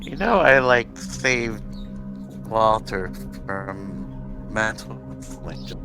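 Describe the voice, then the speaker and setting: A man's voice: fairly low pitch, animated, takes it slowly, gravelly, music in the background. A man playing a tabletop game over an online call, his voice glitching and breaking up as the call drops out. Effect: call dropping out, glitching and breaking up. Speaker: player.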